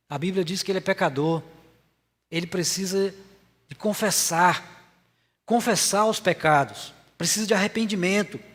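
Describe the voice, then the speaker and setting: A Brazilian man preaches a sermon with a fairly high voice, his words trailing off into a long church-hall reverb. He speaks earnestly but haltingly, pausing often to fill gaps before pressing his point. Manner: earnest, halting delivery with frequent filler pauses. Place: church sanctuary.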